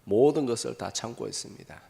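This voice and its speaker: A pastor preaching a sermon in a church with a dramatic delivery. He acts out quoted voices in sudden loud bursts and throws short questions back to the congregation. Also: mid-range voice, a little fast, vocal fry. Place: church sanctuary.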